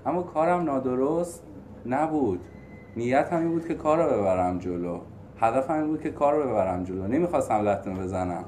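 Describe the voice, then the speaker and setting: A man in a group meeting, sharing his view in a reflective, measured way and offering a personal example. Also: medium pitch, expressive, darkish tone, slight background noise. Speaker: group member.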